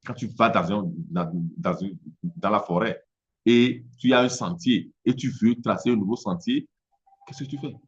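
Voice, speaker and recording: A man with a fairly low voice delivers a halting motivational talk in French, frequently repeating words as he hunts for them. He is a business coach from Togo whose first language is Mina, his accent has an Italian influence, and the audio is dull.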